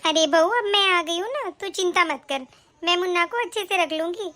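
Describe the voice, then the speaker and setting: Older cartoon aunt, reassuring and bossy, very high voice, a woman doing it. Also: moderate pace, pushed and bright. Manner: reassuring orders, motherly fussing. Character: older aunt, warm but commanding. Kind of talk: animated family story voice acting.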